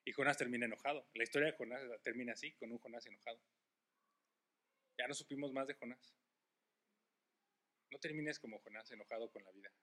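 A man preaching a sermon as a pastor, impassioned and emphatic, swinging between loud appeals and hushed passages, then leading a prayer. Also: medium pitch, brisk, long pauses.

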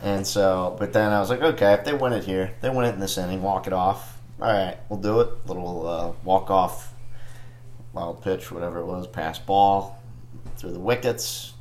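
A man with a deep voice co-hosting a casual sports chat podcast, recorded in a living room. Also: fairly even intonation, moderate pace, darkish tone. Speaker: podcast co-host.

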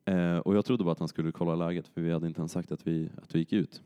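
A man's voice: low voice, steady tone, dark tone, smooth. A young man casually telling a long story on a podcast, rambling with fillers and acted-out quotes.

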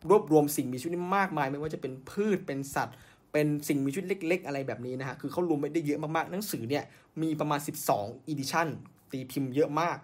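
A man hosting a podcast, telling science history in a casual way, with many fillers and self-corrections. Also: on the high side. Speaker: podcast host.

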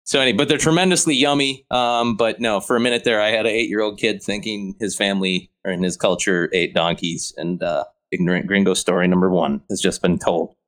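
A man's voice: on the low side, brisk, hardly any pauses. A middle-aged man co-hosting a podcast, telling funny stories in casual chat and acting out the voices of people he quotes. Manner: animated storyteller, acts out quoted voices. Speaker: podcast co-host.

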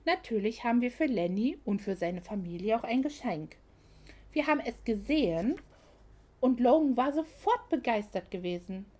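A flustered young woman, voiced by a female narrator, with a bright, fairly high voice. She talks quickly and anxiously, in the intimate manner of an audiobook novel. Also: lively intonation. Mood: eager.

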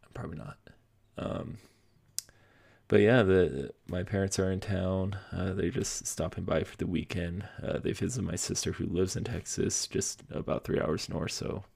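A man's voice: sits low, normal speed, creaky, darkish tone, breathy edge. A young man hosting his own podcast from home, rambling casually with lots of fillers and self-deprecating asides. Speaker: podcast host. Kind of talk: casual solo podcast monologue. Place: home basement room.

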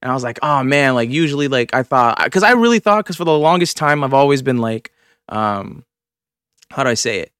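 A man's voice: mid-range voice, expressive, fairly quick, fairly bright tone, clear, resonant tone, dry recording, studio quality. A man in his twenties hosting a podcast, talking in a rambling, profane, filler-heavy way. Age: 20s. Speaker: podcast host. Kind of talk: casual chat.

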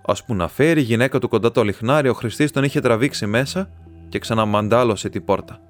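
A man reading a classic short story aloud in a calm storytelling voice. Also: medium pitch, faint music behind. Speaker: audiobook reader.

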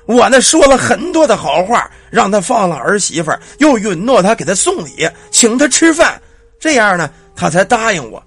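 A man voicing the ghost of a dead old father who speaks through his daughter-in-law, slow and commanding. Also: sits high, big pitch swings, a bit bright, slightly rough, faint music behind, voice pushed up, full character voice. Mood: solemn. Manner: slow, drawn-out, commanding speech.

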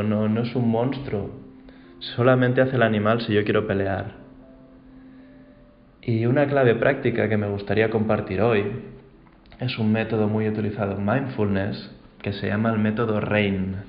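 A man gives a calm, reflective mindfulness talk. His voice sits fairly low, and the recording sounds roomy and a little dull. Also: moderate pace, a little hiss or hum. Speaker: mindfulness teacher.

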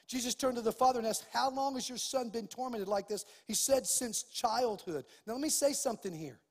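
A man with a husky, unusually high voice preaches a sermon, telling stories and rising to forceful declarations. His voice carries a long reverb through a large church hall. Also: fast. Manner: animated storytelling preacher, rising to loud emphatic declarations. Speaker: pastor.

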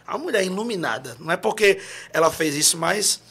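A man's voice: sits high, animated, brisk, gravelly, bright, forceful tone, husky. A man from Paraíba with a Northeastern Brazilian accent, telling a story as a podcast guest, acting out quotes and breaking into song. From João Pessoa, Paraíba, Brazil. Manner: acts out quotes, bursts into song. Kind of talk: animated storytelling.

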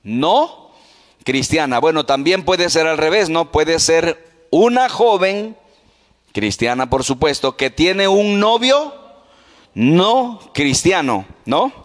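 A man's voice: fairly high pitch, very animated, takes it slowly, long reverb tail. A man preaching a sermon as pastor, putting questions to the congregation.

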